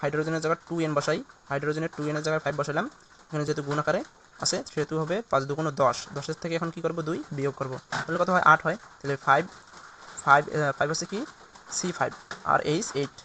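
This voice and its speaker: Male tutor, rapid delivery, slightly high voice, keeps quizzing himself, faint hiss behind. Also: fairly even intonation, bright, forceful tone. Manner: repeats steps, asks and answers his own questions. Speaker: chemistry teacher. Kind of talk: recorded online lesson.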